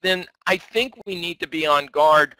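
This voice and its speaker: A man's voice: on the high side, moderate pace, bright, forceful tone, dry recording, poor audio. A man giving a weekly stock market outlook in a conversational, self-correcting way. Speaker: market analyst. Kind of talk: market commentary.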